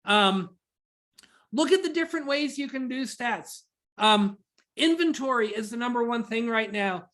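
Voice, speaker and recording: A man giving a rapid, enthusiastic webinar presentation over a video call, talking like an auctioneer. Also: very high voice, lively intonation, fairly bright tone. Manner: rapid, enthusiastic, self-described nerd. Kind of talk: fast-paced webinar presentation.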